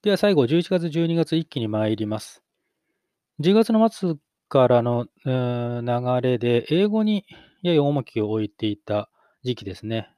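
Mellow-voiced man musing on his podcast. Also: mid-range voice, big pitch swings, no echo, studio quality. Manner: reflective, many fillers and pauses. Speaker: podcast host. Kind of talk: solo podcast monologue.

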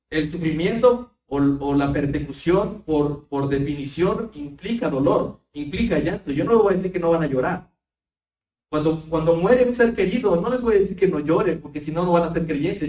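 In a roomy recording where he stands well away from the microphone, a male pastor preaches with fervor. He keeps repeating words and calls his listeners brethren, his voice slightly high and a little mellow.

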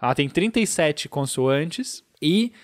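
A man's voice: a little high, lively intonation, a little slow, no room sound, clean studio sound. A man with a Brazilian Portuguese accent, a podcast co-host patiently explaining things in casual chat, often adding "né?". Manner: patient explainer, peppers sentences with "né?".

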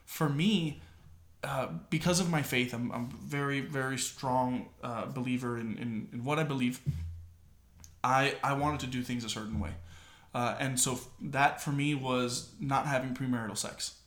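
A young man, a podcast guest, speaking sincerely and haltingly, often repeating words as he talks about faith and family. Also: mid-range voice, fairly even intonation, a bit bright. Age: 20s. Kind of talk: casual interview chat. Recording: roomy echo.

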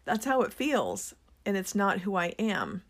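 A woman speaking slowly and with care, in an unhurried, earnest tone. She runs a small business and talks openly about sharing what she makes. Her pitch sits in a middle range. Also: huge pitch swings. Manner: slow, gentle and earnest; introverted. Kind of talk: reflective personal talk.

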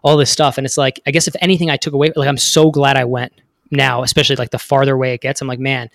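Man in his thirties, podcast guest, fast talker, dry close sound, rambling with fillers. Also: mid-range voice, little pitch movement, gravelly, fairly bright tone, dry recording. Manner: rambling, filler-heavy storytelling. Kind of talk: casual interview talk.

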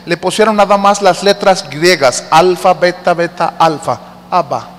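A man's voice: high-pitched, long reverb tail, slight background noise. A man preaching a sermon as an evangelist, emphatic, rising to fervent appeals.

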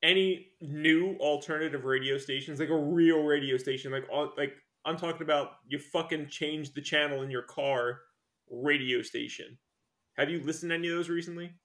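A man's voice: on the high side, fairly even intonation, moderate pace, fairly bright tone. A man co-hosting a casual chat, loose and filler-heavy, with the odd swear word. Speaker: podcast co-host.

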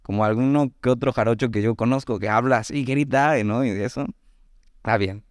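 Mexican man preaching, smooth dry voice. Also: mid-range voice, no echo. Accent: Mexican Spanish. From Mexico, Veracruz. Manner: conversational, animated asides, reads scripture slowly. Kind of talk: sermon, Bible teaching.

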